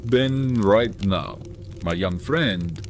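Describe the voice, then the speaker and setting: In an audiobook drama, an actor plays a sinister yet courteous vampire count with formal, deliberate, archaic speech and lingering pauses. The male voice is fairly low-pitched and commanding, with a little hiss or hum in the recording.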